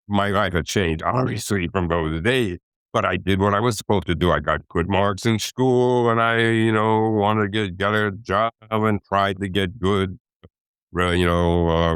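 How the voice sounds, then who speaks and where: A man in his eighties, a guest in an interview, telling stories slowly and reflectively with some hesitations. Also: sits low, fairly even intonation, fairly bright tone, clean tone, no room sound, clean studio sound. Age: 80s. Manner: slow, reflective storytelling with hesitations. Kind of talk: relaxed interview talk.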